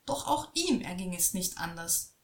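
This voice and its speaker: A woman reading a fairy tale aloud in a slow, expressive storytelling voice. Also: on the low side. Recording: echoey room.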